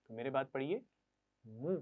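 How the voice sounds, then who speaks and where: Man, children's reading teacher, patient, repeats sounds slowly, frequent praise, mid-pitched voice, tinny narrow sound. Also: expressive. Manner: patient, repeats syllables slowly for pupils to echo. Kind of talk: classroom lesson to children.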